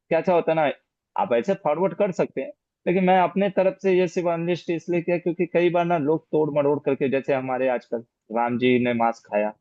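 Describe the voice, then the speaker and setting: A man's voice: a little high, warm tone, no echo. Guy teaching a scripture class, patient, explains stuff, dull dry online audio. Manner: patient, explanatory, repeats key points with rhetorical "है ना?". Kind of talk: Q&A after a scripture lecture.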